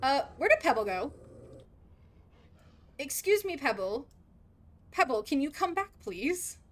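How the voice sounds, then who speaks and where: High-voiced, excitable woman livestreaming. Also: a little slow. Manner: excitable, giggly, prone to exclaiming. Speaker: game livestream host. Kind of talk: casual livestream chat while gaming. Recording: clear background noise.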